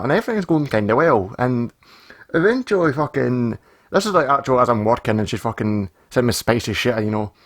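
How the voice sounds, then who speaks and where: Young scottish guy rambling through a story, swears every other word, mid-pitch voice. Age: 20s. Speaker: storytelling vlogger. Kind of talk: casual storytelling.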